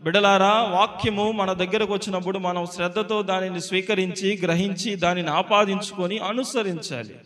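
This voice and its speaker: Male pastor, high bright voice, slow emphatic sermon delivery, reverberant hall. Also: fairly even intonation. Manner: slow, emphatic preaching with repeated phrases.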